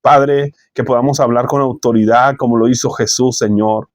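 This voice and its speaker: A man leading a spoken prayer in earnest, measured phrases, often pausing to repeat "Lord" between clauses. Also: medium pitch, fairly even intonation, no room sound, clean studio sound.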